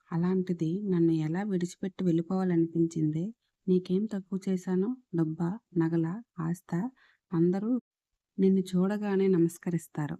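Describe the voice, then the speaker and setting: A woman's voice: on the low side, dark tone, no room sound, muffled recording, natural voice. A woman voicing a cruel male gangster boss who gloats and taunts in a storybook reading.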